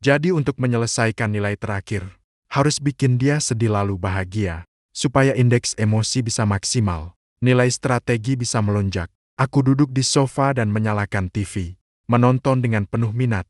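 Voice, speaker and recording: A man reading a scripted story recap narration in an even, matter-of-fact way. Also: mid-range voice, moderate pace, no room sound, clean studio sound.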